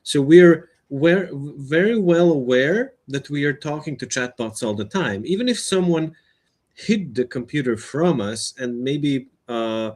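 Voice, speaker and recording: A man's voice: on the high side, animated, measured pace, a little mellow. A man co-hosting a podcast, talking through ideas casually in a thoughtful, hesitant way. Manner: thoughtful, hesitant, many restarts. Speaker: podcast co-host. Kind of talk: casual chat.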